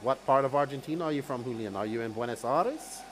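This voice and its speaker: Chatting with live-stream viewers at a quick pace, this race commentator from Bermuda speaks in a mid-range voice with a Bermudian accent. Outdoor event ambience and clear background noise fill the recording.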